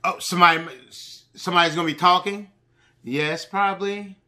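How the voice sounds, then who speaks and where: A pre-kindergarten teacher reads a story aloud to small children and asks them simple questions, stressing key words emphatically. Her lowish voice has fairly even intonation, a moderate pace, and a pushed, bright quality.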